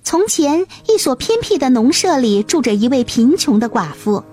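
Woman, high voice, children's storyteller, scripted fairy-tale narration, faint background music. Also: big pitch swings, moderate pace, warm tone, husky.

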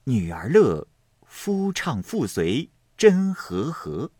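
A man voicing a graceful young male opera actor who recites and sings in a slow, measured way. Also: mid-range voice, wildly swooping pitch, dark tone, no room sound, clean studio sound, voice pushed up, exaggerated voice. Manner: slow, measured chanting and singing. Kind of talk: storytelling.

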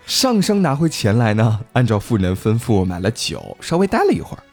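A man's voice: on the low side, wildly swooping pitch, a little fast, a little mellow, soft background music. A man hosting a podcast, retelling an old folk tale casually with jokes and asides. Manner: playful, joking asides. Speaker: storytelling podcast host. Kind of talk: casual storytelling with banter.

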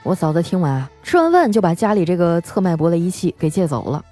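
A woman radio host telling comic stories about her family, chatty, with drawn-out particles and frequent laughs. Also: lowish voice, very animated, dark tone. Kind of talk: comic storytelling monologue. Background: faint background music.

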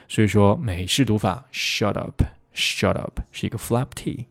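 A man hosting a podcast who explains English pronunciation in a relaxed, chatty, rambling way. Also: fairly low pitch, brisk, dry recording. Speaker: English teacher, podcast host.

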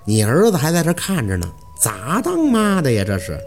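A man's voice: a little high, wildly swooping pitch, normal speed, faint music behind. A man voicing an elderly village woman who chides and admonishes. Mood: scolding. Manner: chiding, admonishing.

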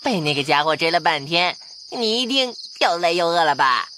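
A woman's voice: fairly low pitch, animated, normal speed, bright, forceful tone, slight background noise. A woman voicing a big, easygoing male field mouse in a children's audio fairy tale, self-assured, chummy and swaggering. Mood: chummy, proud.

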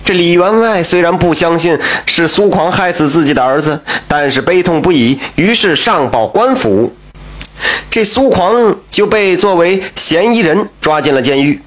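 A man's voice: high voice, animated, normal speed, fairly bright tone. A man telling a folk tale in a chatty, colloquial way, with asides and exclamations. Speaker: storyteller.

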